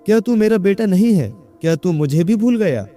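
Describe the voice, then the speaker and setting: Figure: man doing a worried elderly mother, coaxing and soft, storybook reading. Pitch raised, mellow tone. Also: lively intonation, faint music behind. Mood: pleading. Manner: pleading, coaxing. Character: old mother, worried and pleading.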